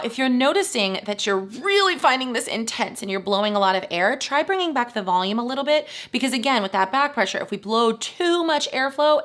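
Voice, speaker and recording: Lively upbeat woman vocal coach. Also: on the high side. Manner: upbeat and encouraging, checks in with "right?". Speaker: voice teacher. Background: piano accompaniment.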